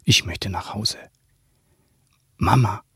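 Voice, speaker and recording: A man's voice: fairly low pitch, slow, no echo, studio quality, exaggerated voice. A man reading aloud and voicing a frightened little girl who whispers her thoughts. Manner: hushed, breathy whisper.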